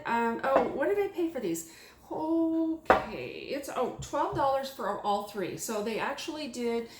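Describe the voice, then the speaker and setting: A woman chatting casually about her thrift finds, rambling and excitable with lots of fillers, at a table at home. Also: a little high, roomy sound, noisy background. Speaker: thrift haul vlogger. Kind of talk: casual chat. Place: small home room at a table.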